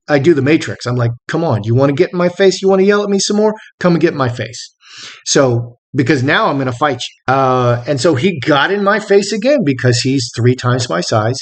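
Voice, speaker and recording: Animated man telling a story. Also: on the high side. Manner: animated, emphatic, repeats phrases for effect; voices others' shouts in sharp bursts. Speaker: storyteller recounting a personal fight. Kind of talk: casual monologue.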